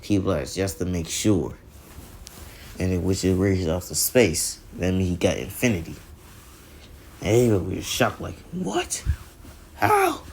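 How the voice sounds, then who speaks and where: A man casually telling a fan story, rambling and halting with constant restarts and repeated words. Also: sits low, darkish tone, slight background noise.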